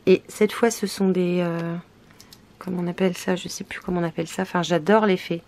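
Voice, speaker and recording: A woman's voice: on the low side, steady tone, fairly quick, darkish tone. Chatty French-speaking woman unboxing craft papers. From France. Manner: chatty, hesitant, many fillers. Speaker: scrapbooking vlogger. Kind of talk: casual product unboxing chat.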